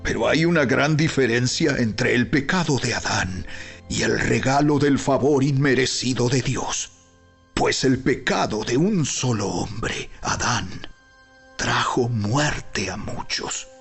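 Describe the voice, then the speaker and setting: A man reading dramatized Bible narration in a solemn, deliberate, emphatic way, with weighty pauses and a gravelly, husky voice. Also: mid-range voice, expressive, a bit bright. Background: background music.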